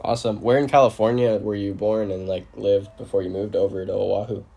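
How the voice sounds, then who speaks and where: A man's voice: lowish voice, little pitch movement, fairly quick, creaky. A man in his twenties hosting a campus interview show and asking his guest questions in an easygoing, plain-spoken way. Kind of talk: casual interview. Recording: loud music behind the voice.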